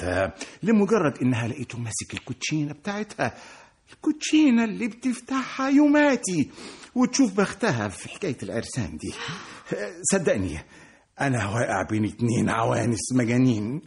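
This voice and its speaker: An actor playing a nervous, sarcastic brother with an Egyptian accent, questioned by police in a radio drama. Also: male voice, a little high, very animated, brisk, gravelly, darkish tone. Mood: mocking, agitated. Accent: Egyptian Arabic. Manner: sarcastic, shifting between laughter and whining.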